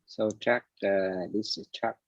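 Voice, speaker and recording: A man's voice: fairly low pitch, fairly even intonation, unhurried, dry recording. A man teaching an English class online, drilling words and often checking with "right?". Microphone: computer microphone on a video call. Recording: dull lo-fi online call audio.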